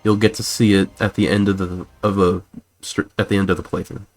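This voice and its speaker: Man, deep voice, casual joking game stream, faint background music. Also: flat delivery, fairly quick. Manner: laid-back, joking. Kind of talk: casual let's-play commentary.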